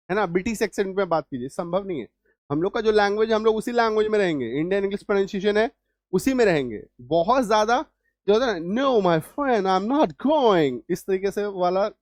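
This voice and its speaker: A man's voice: high-pitched, no echo. A male English teacher giving a spoken lesson, explaining patiently step by step and often checking that his students understand. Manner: repeats words and keeps checking understanding.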